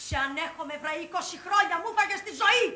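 A shrill, nagging housewife. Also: female voice, pushed and bright, roomy sound, slight background noise, heavily acted. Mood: shrill scolding. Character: shrill nagging housewife scolding her husband. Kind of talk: 1980s comedy film acting.

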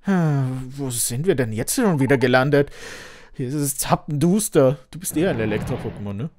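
A man giving relaxed, chatty commentary while playing a video game. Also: medium pitch, moderate pace. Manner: relaxed, chatty, frequent laughs. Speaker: let's play host. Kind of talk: casual gameplay commentary.

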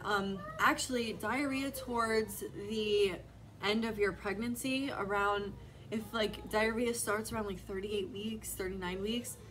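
A woman's voice: mid-range voice, fairly bright tone, a little hiss or hum, low-quality recording. A young adult woman talking casually to camera as a vlogger, speaking frankly and reassuringly and saying "like" a lot. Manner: frank and reassuring, heavy use of "like". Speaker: vlogger, pregnant mother.

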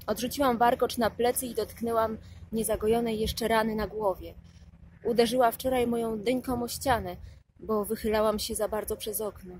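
A woman narrating a first-person audiobook in a measured, expressive reading. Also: a little high, slight background noise, poor audio.

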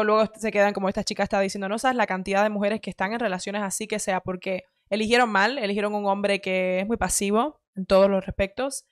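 Speaking with a light Cuban Spanish accent, a woman from Cuba hosts a clip-reaction show, firing off casual, opinionated commentary at a quick, chatty clip and frequently correcting herself. Her voice sits at medium pitch. The recording is dry and close, made on a headset plus a studio mic on an arm in a home studio room with shelves.

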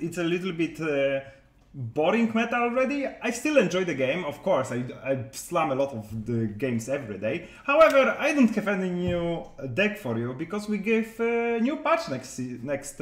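A man's voice: high-pitched, big pitch swings, normal speed, echoey room. A man talking casually to his viewers as a game content creator, rambling with many hesitations and restarts, in non-native English.

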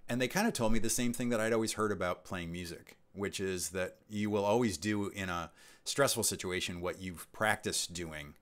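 A man's voice: fairly low pitch, moderate pace, fairly bright tone. A man hosting a casual live stream, reading out chat questions and answering in a rambling way with many ums and restarts. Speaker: livestream host.

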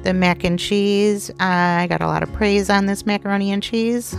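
Gravelly-voiced woman narrating home cooking. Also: mid-range voice, fairly even intonation, normal speed. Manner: chatty and homey, with small laughs and restarts. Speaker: cooking channel host. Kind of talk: casual cook-along narration. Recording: music playing underneath.

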